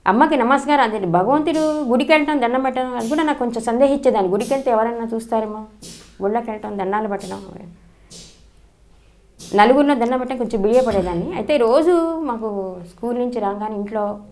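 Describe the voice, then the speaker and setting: A woman's voice: a little high, a little mellow, slight background noise. A woman, telling a personal memory in an earnest, storytelling way. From Andhra Pradesh, India. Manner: fast, earnest storytelling with frequent restarts. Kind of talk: personal reminiscence.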